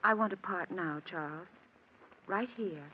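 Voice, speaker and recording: An actress in an old-time radio drama playing a lonely, gentle woman resisting forbidden love, earnest and measured. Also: fairly low pitch, natural voice. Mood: sorrowful. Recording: muffled, hissy old radio recording.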